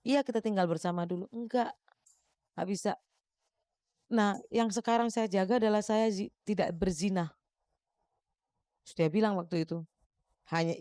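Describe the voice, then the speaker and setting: A middle-aged woman recounting a personal story in an animated way, acting out the dialogue she quotes. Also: on the low side, no room sound. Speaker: interviewee telling her story.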